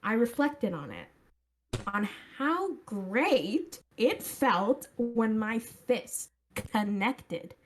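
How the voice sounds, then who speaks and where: A woman's voice: a little high, big pitch swings, drawn-out words, exaggerated voice. A tipsy woman doing a smug Valley Girl diarist. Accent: Valley Girl put-on. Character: smug teenage Valley Girl diary writer, female. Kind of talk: comic dramatic reading.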